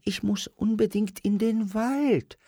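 A man's voice: high voice, slow pace, warm tone, dry recording, studio quality, pitched above the performer's own voice, heavily acted. A man voicing a small, homesick forest gnome puppet who pleads in a trembling little voice. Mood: pleading. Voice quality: small shaky voice.

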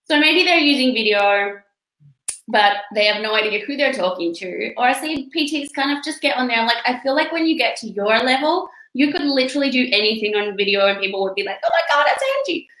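A woman hosting a casual podcast chat, upbeat and quick to agree, acting out quotes as she talks. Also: a little high, fairly bright tone. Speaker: podcast host. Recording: roomy echo.

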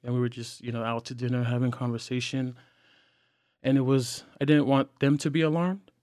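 A young man sharing personal struggles in a candid, earnest way, halting often with fillers and restarts. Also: medium pitch, little pitch movement, darkish tone, no echo, studio quality. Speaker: podcast guest.

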